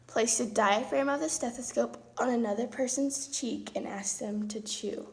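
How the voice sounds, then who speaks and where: Hiccuping as she goes, a young vlogger does a school science lab at home and reads the instructions out loud, chatting casually on the side. She speaks at normal speed in a slightly high voice.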